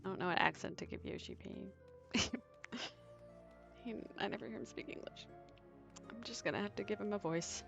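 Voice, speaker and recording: A woman's voice: mid-range voice, big pitch swings, gravelly, fairly bright tone, soft background music. A woman chatting casually and playfully while she streams a game at home. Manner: playful, chatty, quick to laugh. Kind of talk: casual let's-play commentary. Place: home, with her cat. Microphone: desk microphone.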